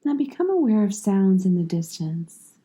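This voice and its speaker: Calm and soothing, a woman directs a yoga nidra meditation, setting out measured phrases and long pauses. She speaks at a medium pitch.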